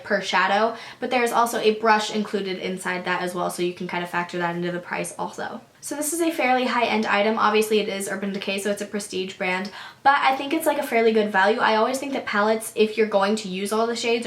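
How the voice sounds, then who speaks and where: A young woman in her twenties with a congested voice that has not fully recovered, chatting casually through a product review to camera, full of "like" and "so". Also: medium pitch. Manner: chatty, frequent "like" and "so". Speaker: beauty vlogger. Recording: roomy echo.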